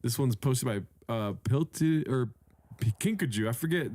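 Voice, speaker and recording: A man co-hosts a podcast in loose, profane banter, throwing "dude" into most sentences. His speech stays relaxed and conversational. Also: medium pitch, normal speed. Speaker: podcast co-host. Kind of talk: casual chat.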